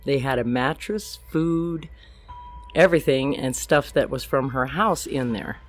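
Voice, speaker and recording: A woman's voice: a bass voice, unhurried, faint music behind. Older woman telling a true story. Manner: plain storytelling, acting out quoted dialogue. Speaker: guest storyteller.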